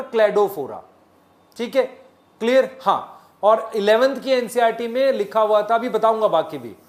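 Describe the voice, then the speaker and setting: A man teaching biology in a live online lecture in speech, repeating key points and quizzing his students. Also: very high voice.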